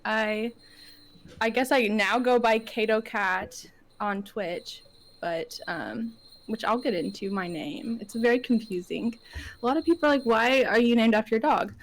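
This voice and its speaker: A woman's voice: a little high, measured pace. A woman in her late twenties, a podcast guest chatting casually, giggling often and leaning on lots of fillers. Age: 20s. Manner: giggly, filler-heavy storytelling. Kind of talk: casual chat.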